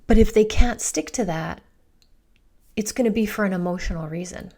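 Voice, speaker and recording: A woman's voice: mid-range voice, normal speed, a little mellow. A middle-aged woman coach talking on her own podcast, playful, often acting out inner voices and quoted lines. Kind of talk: solo podcast monologue.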